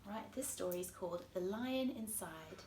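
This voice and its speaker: With a mid-range, somewhat dark voice, lively intonation and a moderate pace, a South African-accented woman reads a picture book aloud to children, expressive and speaking right to them. The setting is an indoor living room, recorded with echo and background noise.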